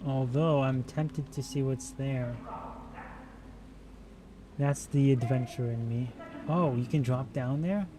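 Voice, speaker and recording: A man's voice: mid-range voice, slow, long pauses, noisy background. A man streaming a video game who chats casually, rambling while he plays and answering his chat. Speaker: gaming streamer. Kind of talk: casual let's-play commentary.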